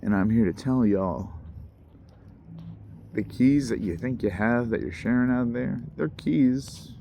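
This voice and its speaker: A man's voice: mid-range voice, measured pace, creaky, warm tone, a little hiss or hum. A man giving a casual, rambling fireside monologue to viewers in slangy, musing talk, recorded outdoors by a campfire. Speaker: host.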